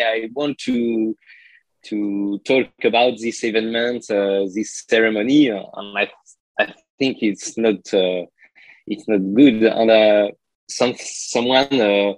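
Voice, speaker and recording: A man from France with a French accent and French as his native language, telling stories in a casual interview, haltingly searching for English words as if translating in his head. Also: medium pitch, lively intonation, vocal fry, no echo, low-quality recording. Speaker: podcast guest and card collector.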